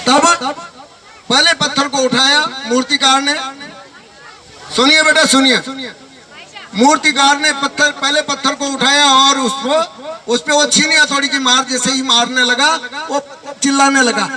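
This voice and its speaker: Brief: a male motivational teacher, stern and admonishing, distant mic over a loud crowd. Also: very high voice. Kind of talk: motivational speech to students. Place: hall with a student audience. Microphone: microphone.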